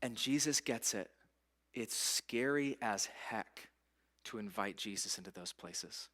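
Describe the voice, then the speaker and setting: A man giving a casual, conversational sermon as a pastor in a church, his delivery swinging from hushed to urgent. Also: on the low side, unhurried.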